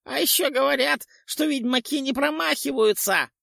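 A man voicing a boastful, half-rotten male ghoul in an audiobook, shrill and gleeful. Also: moderate pace, gravelly, bright, forceful tone, dry recording, studio quality, heavily acted. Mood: gloating. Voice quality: squeaky and shrill. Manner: gleeful, bragging, whining. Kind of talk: audiobook character voice.

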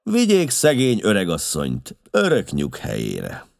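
A man voicing a restless, brilliant male detective who barks urgent orders, pitched higher and louder than his own reading voice. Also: huge pitch swings, gravelly, no echo, clean studio sound, heavily acted. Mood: dry, brisk.

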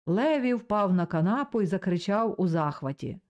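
Expressive woman reading a novel aloud. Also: medium pitch, normal speed. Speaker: audiobook reader. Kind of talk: scripted narration.

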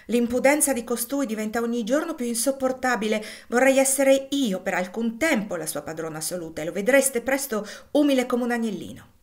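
A woman's voice: on the high side, expressive, a little fast, hardly any pauses, a little mellow, pitched above the performer's own voice, lightly acted. A woman reading aloud and voicing a petulant, complaining lady of a plantation house in a raised, querulous voice. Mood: peevish.

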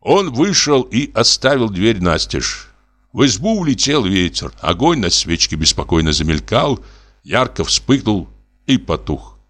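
Man, audiobook narrator, low voice, animated intonation, expressive storytelling. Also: a little slow. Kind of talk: literary narration.

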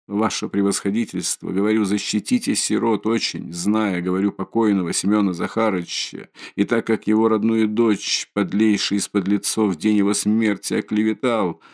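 A man reading an audiobook, voicing a distraught, proud, impoverished widow who talks in a shrill, frantic, haughty way. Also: fairly even intonation, normal speed, vocal fry, few pauses. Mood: haughty, bitter.

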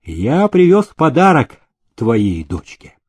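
A man voicing a proud, hot-tempered rich older suitor who speaks imperiously and breaks into shouts, in a storybook reading. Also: medium pitch, wildly swooping pitch, takes it slowly, breathy edge, exaggerated voice. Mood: eager.

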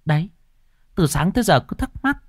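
A man voicing a nagging middle-aged village mother in a shrill, raised voice. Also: very animated, a little fast, a little hiss or hum. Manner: shrill, nagging, high-pitched.

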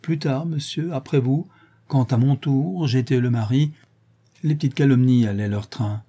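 Man reading insistent jealous husband, nostalgic, self-righteous, husky tone. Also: mid-range voice, moderate pace, mellow. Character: Gaston, jealous dead husband, pleading. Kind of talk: audiobook character reading.

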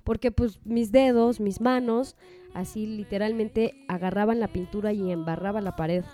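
Mexican woman, mellow warm voice, chatty storyteller, laughs a lot, faint music behind. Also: mid-range voice, steady tone, moderate pace. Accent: Mexican Spanish. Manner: chatty storyteller who laughs between sentences. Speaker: singer-songwriter guest. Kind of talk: casual anecdote telling.

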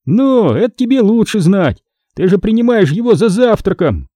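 A man voicing a mischievous, boastful teenage boy in an audiobook, loud and taunting. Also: high-pitched, sing-song, moderate pace, no echo, studio quality, voice pushed up. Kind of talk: audiobook character voice.

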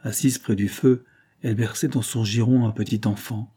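A man narrating a classic novel as an audiobook in a steady, measured storytelling manner. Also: on the low side, husky. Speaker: audiobook reader.

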